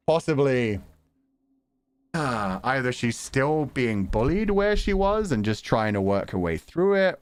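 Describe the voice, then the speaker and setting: With a fairly low, darkish voice, a man narrates a visual novel dramatically on a livestream and talks about it casually between passages. His delivery while reading is careful and storyteller-like, heard through long reverb with music underneath.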